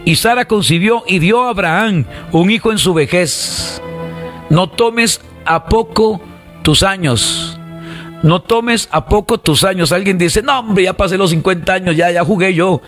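A man's voice: high voice, unhurried, fairly bright tone, soft background music. A man with a Costa Rican accent preaching an online sermon, fervently repeating phrases and calling on listeners to respond. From Costa Rica. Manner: fervent, repetitive calls to the congregation.

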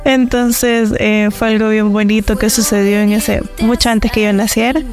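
A woman's voice: medium pitch, little pitch movement, normal speed, darkish tone, soft background music. A young Salvadoran woman with a Salvadoran accent, speaking as a guest and telling her story with many hesitations and fillers. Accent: Salvadoran Spanish. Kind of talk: interview testimony.

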